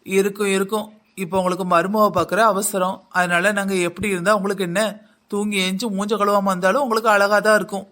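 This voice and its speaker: A performer voicing a grumbling young village daughter-in-law in a cartoon, with a southern Tamil Nadu accent and a deep, almost mannish voice. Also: level tone, fairly quick, a bit bright, natural voice. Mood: complaining. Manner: sarcastic, complaining. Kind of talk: village comedy cartoon dub.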